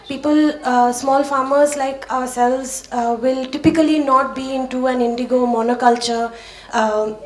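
A woman in an auditorium audience puts a long question to the panel, pausing often to search for words. Her voice is a little high. It echoes through the hall and sounds far from the mic. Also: a little mellow. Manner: hesitant, many ums and uhs. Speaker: audience member asking a question.

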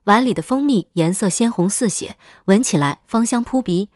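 A woman narrating a first-person horror story in a steady, matter-of-fact scripted read. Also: mid-range voice, moderate pace, no echo, studio quality.

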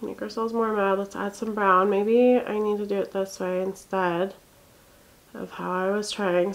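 A woman's voice: medium pitch, gravelly. A woman doing a makeup tutorial in a chatty, self-deprecating, exasperated way, often dropping to a mutter. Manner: drops to muttering and near-whispers while working. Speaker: beauty vlogger.

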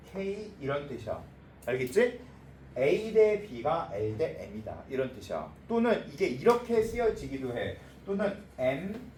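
A man's voice: mid-range voice, a little mellow. A male math teacher lecturing a class in a blunt, informal way, checking again and again that the students got it. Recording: echoey room, voice from a distance, faint noise.

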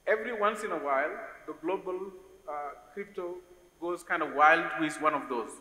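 A man's voice: fairly high pitch, normal speed, bright, forceful tone. Senegalese man speaking in an echoey hall. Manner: thoughtful, repeats words while searching for phrasing. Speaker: investor panelist. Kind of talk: conference panel discussion. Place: large conference hall stage. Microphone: stage microphone on a stand. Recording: roomy hall reverb with faint hiss.

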